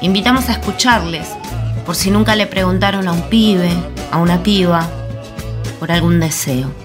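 Female radio reporter, calm scripted read, music bed behind. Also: fairly low pitch, normal speed. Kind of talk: scripted news narration.

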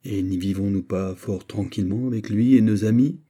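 A man's voice: lowish voice, warm tone, husky. A man voicing a teasing, witty old-time poet. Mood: playful. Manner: quick, teasing and argumentative. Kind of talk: audiobook character voice.

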